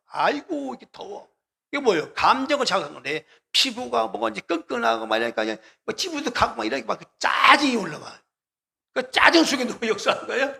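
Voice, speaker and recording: A high-pitched, creaky, bright male voice delivers a sermon with forceful tone. The pastor repeats himself emphatically, keeps asking the congregation questions, speaks straight to his listeners and calls out hallelujah.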